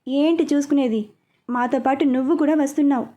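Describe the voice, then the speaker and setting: A woman voicing a calm, dryly teasing young man in a storybook reading. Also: high-pitched, fairly quick, lightly acted. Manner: teasing, matter-of-fact.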